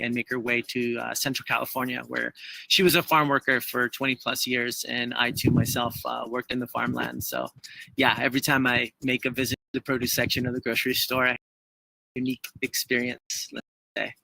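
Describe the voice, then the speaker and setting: A man from El Salvador talks through his story in an interview, pausing often on fillers as he searches for words. His voice is bright and clear, set at an ordinary middle pitch. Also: poor audio. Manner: hesitant, many fillers, heartfelt. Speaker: guest, trail runner. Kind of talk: conversational interview.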